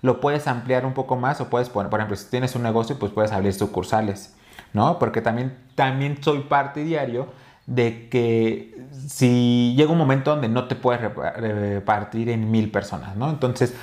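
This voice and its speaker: Young Mexican man, podcast co-host, medium pitch, chatty storyteller who restarts his sentences. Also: moderate pace, a little mellow. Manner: rambling storyteller with many fillers and restarts. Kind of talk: casual chat.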